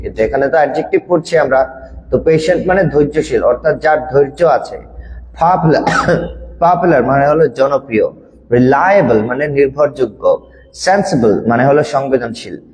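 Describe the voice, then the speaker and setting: A man's voice: mid-range voice, lively intonation, moderate pace, a little mellow, in a large hall, low-quality recording. A man teaching an online English grammar class, explaining the meaning of each word patiently and then drilling pronunciation with a student over a video call.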